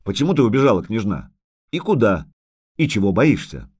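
Geralt, a man doing a gruff, mocking monster hunter. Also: on the low side, big pitch swings, a little fast, a little mellow. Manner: brusque, mocking.

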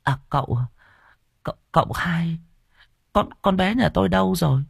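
A frantic old village mother from a spoken story, played by a man. She pleads in a high, cracking voice as she cries. The tone stays husky and gravelly, in a dry, close recording. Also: moderate pace, no room sound, full character voice. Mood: anxious. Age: older. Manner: pleading, wailing. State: crying.

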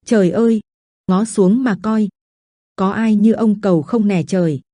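A wronged, tearful wife pleading with her husband, as a woman storyteller voices her. The tone is warm and dark, recorded dry and close for an audio story. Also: mid-range voice, a little slow, no echo, close to an everyday voice. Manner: pleading, lamenting.

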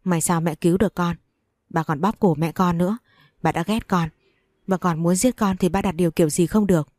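A woman's voice: on the low side, fairly even intonation, brisk, a little mellow, no echo, studio quality, lightly acted. A woman voicing a young wife hurt by her cruel father, speaking plaintively in an audiobook story. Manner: plaintive, confiding.

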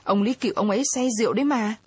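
A woman reading aloud, voicing a male deputy village head who tries to calm a quarrel. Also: a little high, very fast, breathy edge, dry recording. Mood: placating.

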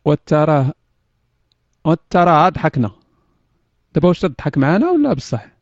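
Very animated and brisk, a man's high-leaning voice comes through dry, dull lo-fi audio with no room sound. Hosting an online voice chat with a Moroccan accent, he teases his listeners, laughs frequently, and drops French words into casual talk.

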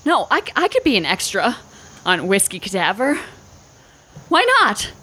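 A woman telling an improvised comic story in a halting, dramatic way, often repeating phrases. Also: mid-range voice, big pitch swings, pushed and bright, breathy edge.

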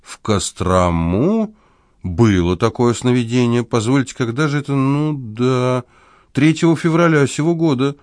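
A man's voice: medium pitch, measured pace, no room sound, clean studio sound, voice pushed up, lightly acted. A man voicing a confident young con man who talks in a breezy, joking way. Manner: breezy, good-humored, mock-serious. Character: smooth confident young male swindler, playful.

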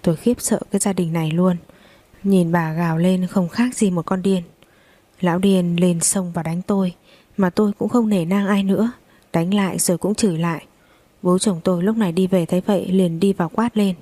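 Low-voiced woman telling a dramatic story. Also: steady tone, moderate pace, dark tone, no room sound. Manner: emotional, vivid telling. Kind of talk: dramatic first-person story narration.

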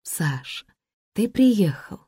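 A woman reading an audiobook, voicing an anxious young woman who speaks softly and warily. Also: mid-range voice, very animated, takes it slowly, slightly rough, no room sound, studio quality, pitched above the performer's own voice, full character voice. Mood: wary, pleading. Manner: soft, wary, hushed. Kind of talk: audiobook character voice.

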